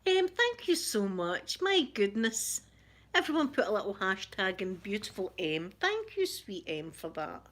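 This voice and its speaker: A woman's voice: mid-range voice, sing-song, unhurried. A woman with a Glaswegian Scottish accent, chatting casually on a live ASMR stream, greeting viewers by name and often breaking off mid-sentence. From Scotland. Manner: chatty, warm greetings to viewers, frequent laughs and self-interruptions. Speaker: ASMR channel host reading live chat.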